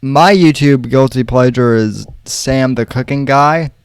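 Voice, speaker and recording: A man co-hosting a podcast on a call, talking slowly and hesitantly with many fillers. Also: medium pitch, clear, resonant tone, no room sound. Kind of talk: casual chat on a call.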